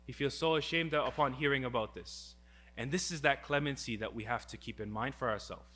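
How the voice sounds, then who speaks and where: A man's voice: medium pitch, fairly quick, fairly bright tone. A young man giving a religious talk, earnest and full of rhetorical questions as he retells a story. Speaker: speaker.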